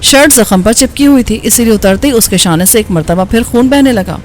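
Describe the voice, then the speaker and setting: A woman narrating an action novel as an audiobook, in a steady storytelling voice. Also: a little high.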